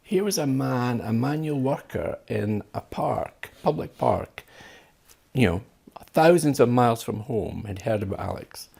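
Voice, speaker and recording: Gravelly, raspy man from Scotland. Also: medium pitch, a little slow. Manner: lively, animated storyteller. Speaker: guest. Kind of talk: anecdote in conversation.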